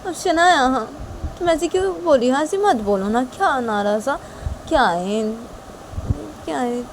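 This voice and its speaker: A woman's voice: sits high, lively intonation, normal speed, background noise, pitched above the performer's own voice. A woman doing a pleading young woman. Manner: pleading, repeating questions.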